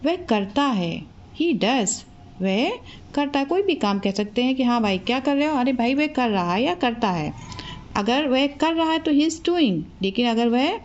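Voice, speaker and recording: A woman with an Indian accent talks slowly and with care, drilling everyday English phrases. Her voice sits a little high, and each English line comes twice after the Hindi one. The audio is slightly dull and lo-fi. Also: a little mellow, slight background noise. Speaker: English teacher. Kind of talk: slow, repetitive spoken English lesson.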